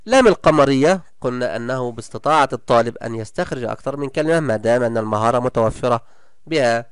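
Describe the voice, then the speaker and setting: Recorded in studio quality without echo, this lesson features a male primary school teacher with a smooth mid-range voice. He repeatedly praises and encourages his pupils and lingers slowly over example words.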